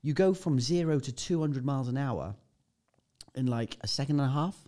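A man's voice: medium pitch, normal speed, dark tone. Man, podcast guest, mid-range voice, vivid and blunt storyteller. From United Kingdom. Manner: vivid storyteller, swears freely. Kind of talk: casual chat, anecdote.

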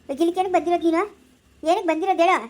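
A woman playing a quarrelsome older village woman who shouts sharp, rapid accusations in a homemade family drama. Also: very high-pitched, steady tone. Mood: angry scolding.

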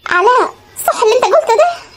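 A voice actor playing a jealous, sharp-tongued young village wife with an Upper Egyptian accent in an animated comedy. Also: female voice, very high-pitched, very fast, full character voice. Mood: wounded, furious. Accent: Upper Egyptian Arabic.

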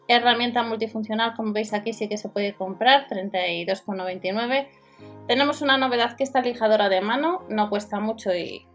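Woman briskly reading out shop deals. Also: medium pitch. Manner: brisk listing of prices with small fillers. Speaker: deals channel host. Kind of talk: voice-over product roundup.

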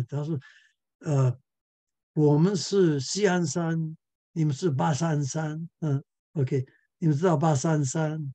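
A man's voice: fairly high pitch, mellow, no echo. A male pastor giving a church Bible class lecture, chuckling often and repeating words as he searches for the next one.

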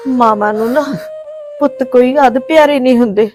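In a village drama, a woman plays an older mother speaking tenderly and sorrowfully to her son, pleading, tearful and soothing, in a lightly acted way. Her voice is a little high and darkish, at a moderate pace, with faint music behind.

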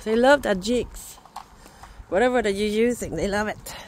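A vlogger with a Vietnamese accent, a native Vietnamese speaker, chats casually to her viewers while fishing by a river at night, laughing often. Her voice is mid-range at normal speed, with a little hiss or hum.

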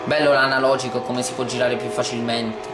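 A man commentating his racing game let's play, excitable and swearing often, talking over the game sounds. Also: mid-range voice, a little fast. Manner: says he talks oddly when excited on video. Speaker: gameplay video host. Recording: echoey room with loud game music.

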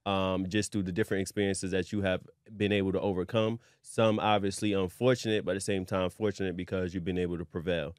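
A man hosting a podcast interview in a relaxed, conversational way, with frequent affirmations. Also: low voice, fast talker, few pauses, clear, resonant tone, no room sound, studio quality. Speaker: podcast host.

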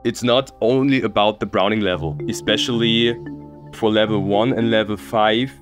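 A man working as an engineer, explaining his work in an interview, often checking in with a quick "yeah?". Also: lowish voice, music in the background. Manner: explanatory, uses fillers like "yeah?". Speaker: engineer guest.

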